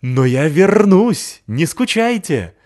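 A man reads as a boisterous male malamute in a children's storybook, his voice pitched high and loud, shouting and barking. He bounces with carefree excitement and never sits still. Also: slow. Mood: excited.

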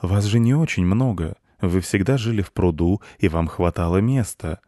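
A man voicing a clever male cat who talks softly, slyly and like a know-it-all. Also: low-pitched, moderate pace, dry recording, clean studio sound. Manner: soft, ingratiating, know-it-all.

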